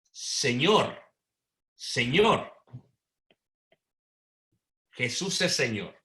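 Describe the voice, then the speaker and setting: A man teaching a Bible seminar, pausing often to quiz his listeners with short questions. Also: medium pitch, sharp tone, echoey room. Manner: quizzing the audience with "¿ok?" and "¿qué?".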